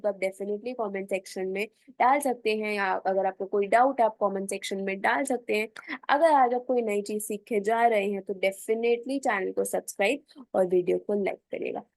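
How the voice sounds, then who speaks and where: A woman teaching a spoken English lesson, mixing colloquial Hindi explanations with slow, deliberate English example phrases. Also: medium pitch, creaky, a little mellow, no room sound.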